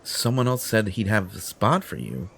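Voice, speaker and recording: A man voices a pompous, entitled, possessive superhero for an audio roleplay aimed at the listener, sounding smug, coaxing, self-satisfied and condescending. He uses a full character voice that is lowish, sing-song and fairly bright, with vocal fry, at a normal speed.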